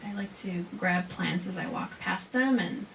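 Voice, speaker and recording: A woman poet giving an informal reading and talk about haiku, slow and deliberate when she recites verse. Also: fairly low pitch, distant mic. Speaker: haiku poet presenting her work. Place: live reading before a small audience. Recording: noisy room with clear background noise.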